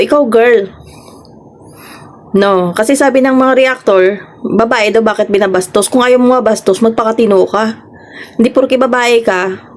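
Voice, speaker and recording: A woman vlogger with a Filipino accent giving her reaction, scolding someone with a string of sharp rhetorical questions. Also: mid-range voice. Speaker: vlogger reacting to online drama. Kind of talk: casual reaction commentary.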